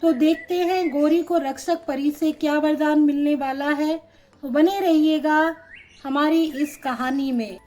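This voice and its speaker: A woman with a high voice opens a doll story show in slow, measured words. She is welcoming and clear. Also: steady tone, darkish tone, slight background noise. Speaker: show host. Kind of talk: scripted introduction.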